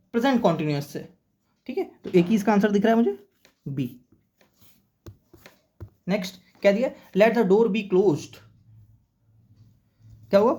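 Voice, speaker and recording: A man's voice: sits high, dark tone. A man teaching English for competitive exams. He explains words patiently, spells some of them letter by letter, and keeps checking in with "okay". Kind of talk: exam-prep vocabulary and grammar lesson.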